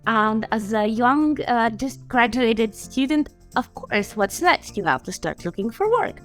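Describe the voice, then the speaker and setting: Woman in her 30s, chatty and lively, kinda high voice, laughs a lot, video call. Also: unhurried, soft background music. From Bulgaria. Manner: animated and chatty, laughs often. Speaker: guest, sanctions compliance specialist. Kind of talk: interview answers.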